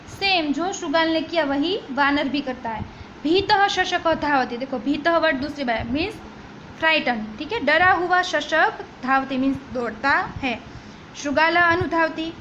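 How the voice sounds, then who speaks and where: A woman's voice: high-pitched, fairly bright tone. A woman teacher explaining a textbook story line by line, mixing languages and often checking with "ठीक है?". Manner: switches between languages, repeats and checks "ठीक है?". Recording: dull lo-fi recording with faint noise.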